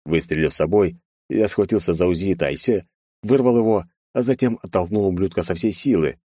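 A male narrator reads a first-person action story in a deep, low voice. His asides come out terse and sardonic. The recording is dry and close to the mic. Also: a little fast, mellow, dry recording. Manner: sardonic, terse inner commentary. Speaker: audiobook narrator.

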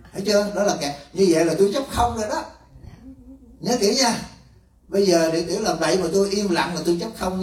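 A man's voice: on the high side, darkish tone. A man, a monk, teaching disciples in a folksy, teasing way and acting out little dialogues. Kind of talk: dharma talk to disciples. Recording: echoey room from far off.

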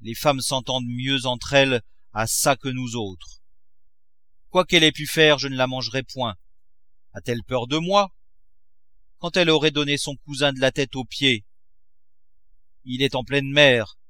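A man voicing a furious, miserly old father who shouts and mocks. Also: medium pitch, a little slow, pauses often. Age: older. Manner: shouting, explosive, mocking.

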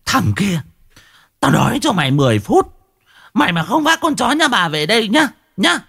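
A shrill, sharp-edged old village woman unleashing a relentless stream of insults, as a male narrator puts her on. Her voice leaps high and swings wildly between piercing scolding and sing-song lament, bright and cutting throughout. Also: sing-song, creaky, breathy edge, heavily acted. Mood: cursing. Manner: rapid-fire cursing tirade, wailing lament.

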